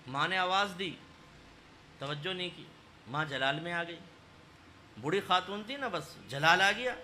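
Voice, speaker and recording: A man's voice: sits high, expressive, pushed and bright, a little hiss or hum. A man giving a sermon as a religious scholar, telling a story and acting out the quoted voices, with emphatic, rising stresses.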